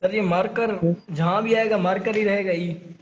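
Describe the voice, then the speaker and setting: A man's voice: high-pitched, fairly even intonation, moderate pace, highs cut off. A male student in an online class who gives short, polite answers and calls the teacher sir.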